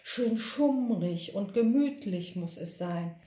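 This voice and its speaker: A woman's voice: medium pitch, animated, slow, mellow, roomy sound, pitched above the performer's own voice. A woman voicing an owl who wails for dim, cozy light. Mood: dreamy. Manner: wailing, dreamy. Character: howling owl who loves dim coziness.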